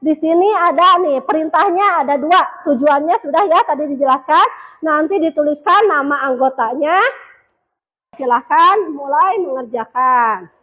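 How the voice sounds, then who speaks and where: A woman's voice: high voice, moderate pace, a bit bright, highs cut off. A woman teacher leading a classroom lesson, asking the pupils questions and repeating their answers.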